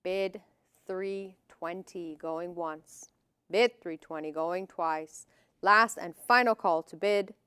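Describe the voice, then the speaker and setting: Clear, measured woman auctioneer calling bids. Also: fairly low pitch, fairly even intonation, fairly bright tone, no room sound, studio quality. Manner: formal, clipped, repetitive bid calling.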